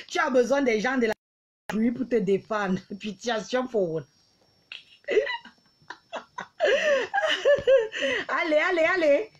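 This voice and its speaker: A woman's voice: high-pitched, a little hiss or hum. A woman, taunting and mocking her critics in a heated live-stream rant, often laughing. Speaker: livestreamer.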